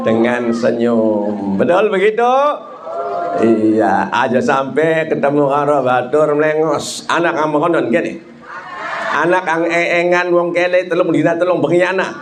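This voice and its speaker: Preacher guy w/ lilt, kinda high voice, talks slow n stretched out, faint hiss behind. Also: roomy sound. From Indonesia. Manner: swings between loud pitch peaks and slow drawn-out phrases, joking with the crowd. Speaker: Islamic preacher. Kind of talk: lively sermon to a congregation.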